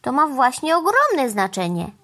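A woman voicing an excitable, fussy male crow who squawks indignant exclamations. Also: high-pitched, unhurried, voice pushed up, exaggerated voice.

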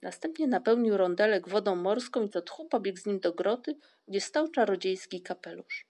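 A woman narrating a storybook in a calm, measured way. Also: mid-range voice. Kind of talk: audiobook reading.

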